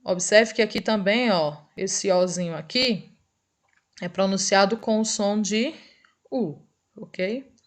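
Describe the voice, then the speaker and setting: A woman's voice: mid-range voice, slow pace. Brazilian woman, teacher, recorded review lesson; patient, checks in with tag questions, drags out example words. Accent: Brazilian Portuguese.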